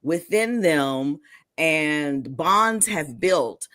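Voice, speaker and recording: A woman's voice: sits low, expressive, very slow, fairly bright tone, dry recording. A woman author reading from her novel and talking about her writing in a casual interview. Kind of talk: podcast interview and book reading.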